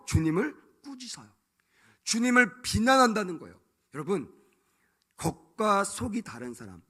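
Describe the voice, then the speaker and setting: A man's voice: high-pitched, sharp tone, slightly rough. A male pastor preaching a sermon to young adults, emphatic, acting out quoted voices and calling for amens.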